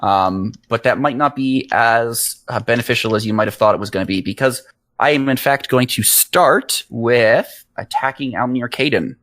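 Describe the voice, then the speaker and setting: A man acting as game master, calmly explaining rules and narrating a tabletop fight in an easygoing way. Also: medium pitch, normal speed, no echo. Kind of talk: running a tabletop game online.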